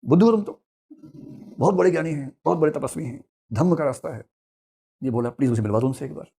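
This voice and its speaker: A middle-aged man telling a story as a lecture to students, acting out the characters' dialogue in lively asides. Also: medium pitch, quick pace, gravelly, slightly rough. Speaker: teacher.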